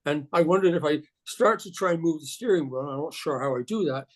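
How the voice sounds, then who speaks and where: Male, West Country accent from Bristol, higher-than-average voice, informal questioner. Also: expressive, brisk. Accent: West Country English. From Bristol, England. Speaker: audience member asking questions. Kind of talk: casual online Q&A chat.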